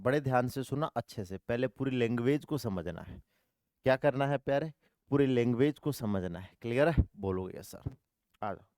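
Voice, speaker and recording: A man's voice: mid-range voice, a little mellow, dry recording, clean studio sound. A male maths teacher running an online coaching class, repeating each step and answering his own questions, calling students "dear brother".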